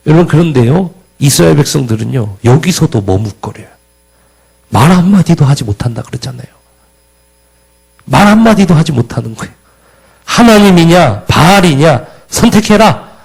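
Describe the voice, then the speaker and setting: A man's voice: medium pitch, animated, brisk, gravelly, pauses often, breathy edge, low-quality recording. A man preaching a sermon, questioning the congregation and reading scripture aloud with emphatic rises. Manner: asks the congregation questions, loud emphatic peaks.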